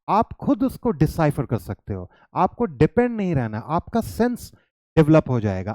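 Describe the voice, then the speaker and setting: A man's voice: on the high side, warm tone, dry recording. An Indian man teaching an English lesson, mixing Hindi and English and quizzing his students with coaxing questions. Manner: coaxing, questions to students, calls them "child".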